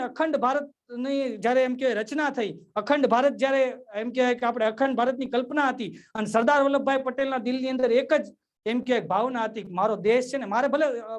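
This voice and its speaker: A man telling jokes and giving a patriotic address, animated and constantly addressing his audience as sir. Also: very high voice. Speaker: comedian. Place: remote link into a virtual event.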